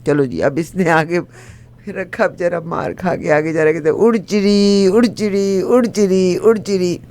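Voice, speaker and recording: With vocal fry and a somewhat high pitch at normal speed, a man with a Punjabi accent acts as a chatty middle-aged woman. Her comic folk tale comes out lively and animated, punctuated by funny lines chanted over and over.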